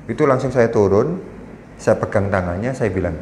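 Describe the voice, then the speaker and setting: A man's voice: fairly low pitch, moderate pace. A middle-aged man explaining parenting in earnest, conversational talk, now and then acting out an angry scolding parent. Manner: earnest and explanatory, acts out scolding parents with sudden loud bursts. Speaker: guest speaker on parenting. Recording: echoey room with faint noise.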